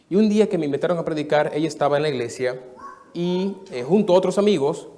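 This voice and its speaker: Addressing a live church audience, a man in his thirties from the Dominican Republic shares his sermon testimony as an earnest story, by turns soft and emphatic. His pitch is fairly high.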